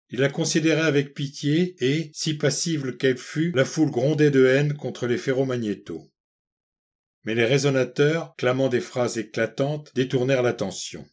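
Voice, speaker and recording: A man narrates a novel in a steady, measured, literary manner. His voice sits at an ordinary male pitch, neither high nor low, suited to a long audiobook. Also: slightly rough.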